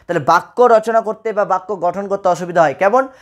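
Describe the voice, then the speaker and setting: A man's voice: sits high, a little fast. A man from West Bengal teaching an exam-prep lesson, repeating key points and checking in with his students. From West Bengal, India. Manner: repetitive, asks students check-in questions.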